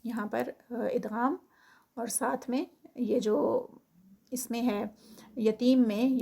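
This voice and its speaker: Soft-spoken woman teaching recitation. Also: fairly high pitch, creaky. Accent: Pakistani Urdu. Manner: slow drawn-out recitation between quiet, quick explanations. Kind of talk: tajweed lesson, explaining and reciting.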